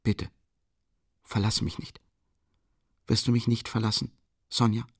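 In a natural, fairly low voice at a moderate pace, a male narrator gives voice to a tormented young man who muses half aloud with agitation and bitter mockery. It's a dry, close audiobook recording without echo.

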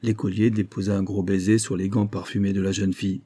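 A man narrating an audiobook in a measured storytelling manner. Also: low voice, level tone, dark tone, slightly rough. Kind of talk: audiobook reading.

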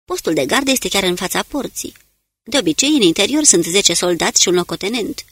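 A woman voicing a calm, commanding male commando guide who gives terse, low-voiced orders in an audiobook reading. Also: husky, no room sound. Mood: steady.

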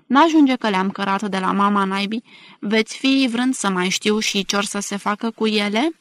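A woman reading the lines of an irritated young male traveler, defensive and peevish, with her voice pitched well up. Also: a bit bright, no echo, clean studio sound, close to an everyday voice.

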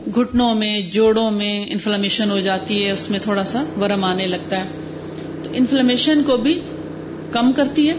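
A woman giving an explanatory lecture on herbal remedies, mixing many English words into her speech and listing terms one by one. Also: mid-range voice. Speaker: lecturer on prophetic medicine. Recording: dull lo-fi recording with faint hiss.

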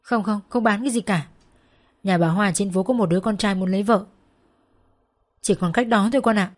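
In a spoken story, a woman plays a desperate mother deep in debt, tearfully begging her daughter for help. Her natural voice sits at medium pitch and moves a little fast, full of pleading.

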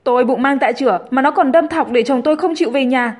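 A woman's voice: fairly quick, lightly acted. A woman reading a story aloud, voicing a brash, scheming pregnant young woman who accuses and wails. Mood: shrill. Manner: shrill, accusing, theatrically wailing.

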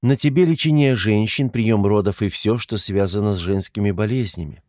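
A man's voice: fairly low pitch, normal speed, a little mellow, no room sound, studio quality, close to an everyday voice. A man voicing a good-humored young lord in an audiobook, teasing and easygoing. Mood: commanding. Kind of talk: audiobook character voice.

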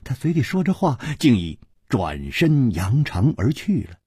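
A man narrating a martial-arts tale in traditional oral storytelling style, vivid and animated. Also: medium pitch, a little slow, husky, no room sound, clean studio sound.

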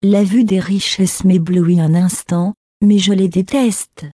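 Grieving mother in the desert, slow and mellow, read by a woman, dry close sound. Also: mid-range voice, steady tone, dry recording. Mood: earnest. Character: grieving desert mother, proud then softening.

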